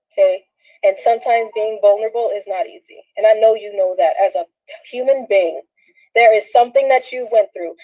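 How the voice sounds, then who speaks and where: A woman in her thirties from Southern California, talking straight to viewers in a rambling, slangy monologue while shaky and laughing through tears. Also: on the high side. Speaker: vlogger. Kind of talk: emotional direct-to-camera monologue. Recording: dull lo-fi phone audio.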